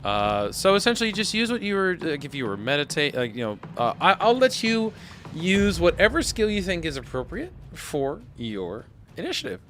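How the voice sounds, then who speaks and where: A man's voice: fairly high pitch, huge pitch swings, normal speed, fairly bright tone, a little hiss or hum. A man running a tabletop game as game master, narrating casually with an informal, joking way of talking.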